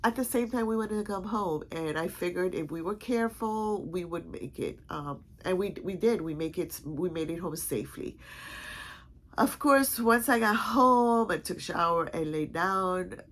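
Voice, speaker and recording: At a moderate pace and fairly low pitch, this woman hosts a vlog, her voice stuffy and congested. The casual chat wanders, full of fillers and frequent restarts.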